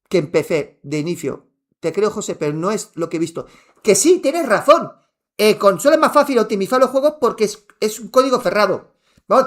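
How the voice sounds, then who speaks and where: Guy streaming, fired up and half yelling, voice jumps all over the place, keeps repeating himself. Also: high-pitched. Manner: heated, ranting, repeats himself, swears, near shouting. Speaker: gaming streamer answering chat. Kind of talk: live stream rant. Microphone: wearing headphones.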